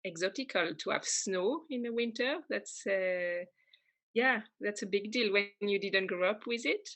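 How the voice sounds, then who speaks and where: Bright-voiced French woman, hesitant speech. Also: medium pitch, a little slow. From France. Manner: hesitant, many fillers and restarts, warm laughs. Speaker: interview guest. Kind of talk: casual conversational interview.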